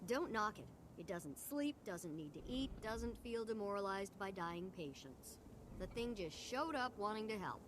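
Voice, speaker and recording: A woman's voice: medium pitch, expressive, moderate pace, lightly acted. A woman acts a weary game medic. The voice is mid-range and practical, with a matter-of-fact delivery over noticeable background noise. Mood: wry, tired. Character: pragmatic, weary field hospital medic, brisk. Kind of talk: scripted game acting.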